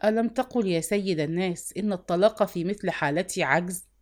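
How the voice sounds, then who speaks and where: Woman reading as a drunk, gruff baker. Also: medium pitch, lively intonation, fast talker, close to an everyday voice. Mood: pleading. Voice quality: gruff, hoarse shouting. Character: drunk brawling male baker, rough and desperate. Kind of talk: audiobook character reading.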